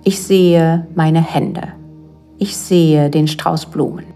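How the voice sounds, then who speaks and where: Female meditation guide, lowish mellow voice, calm and gentle instruction over faint music. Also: takes it slowly. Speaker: mindfulness and yoga guide. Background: soft relaxation music.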